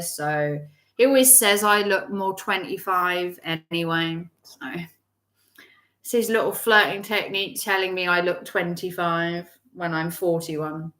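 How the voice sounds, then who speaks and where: Woman in her forties, chatty livestream host, bright tone, echoey room. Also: lowish voice. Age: 40s. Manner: chatty, rambling, with frequent restarts and fillers. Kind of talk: casual live-stream chat reading viewer comments.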